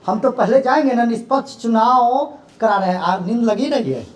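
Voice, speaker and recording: A young man lecturing a class, animated and firing rhetorical questions at his students. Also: very high voice, moderate pace. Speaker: teacher.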